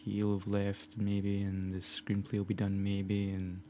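A man's voice: fairly low pitch, monotone, unhurried, mellow, a little hiss or hum. A Glaswegian man in his twenties, co-hosting a casual podcast chat, rambling and laughing often. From Scotland. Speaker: podcast co-host.

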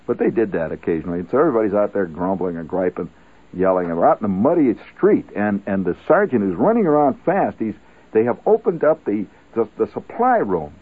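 Male radio storyteller, husky and animated, lo-fi broadcast, faint music under. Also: lowish voice, fairly quick. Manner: wry, rambling anecdotal delivery. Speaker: radio monologuist. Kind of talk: comic storytelling. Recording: tinny lo-fi 1970s radio broadcast.

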